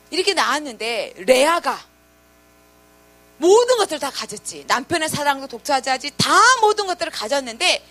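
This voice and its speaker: A bright, high-pitched woman's voice belongs to a pastor preaching to a youth group. She tells a story, acting out quotes and putting questions to her teenage listeners.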